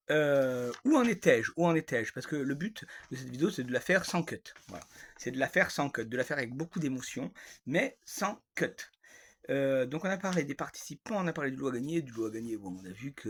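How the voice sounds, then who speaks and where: A man's voice: mid-range voice, a little hiss or hum. A man delivering a rambling, grumpy and sarcastic comic monologue, repeating himself often.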